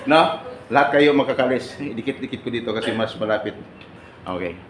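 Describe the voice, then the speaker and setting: A man's voice: mid-range voice, a little fast. A man giving a joking seminar talk to overseas workers, teasing and quizzing the audience and laughing often. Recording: echoey room with loud ambient noise.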